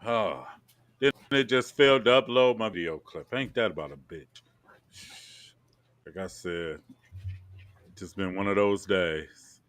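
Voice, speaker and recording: A man's voice: low voice, unhurried, pauses often, fairly bright tone. A man hosting a casual podcast chat over a video call. He is laid-back and repeats his phrases. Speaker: host.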